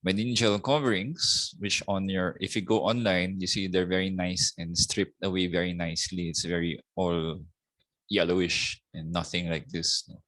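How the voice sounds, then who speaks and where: A middle-aged man with a Filipino accent giving a slow anatomy lecture, often ending points with a questioning "no?". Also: low-pitched, little pitch movement, a bit bright, no echo. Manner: slow, repetitive teaching with tag "no?". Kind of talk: recorded lecture.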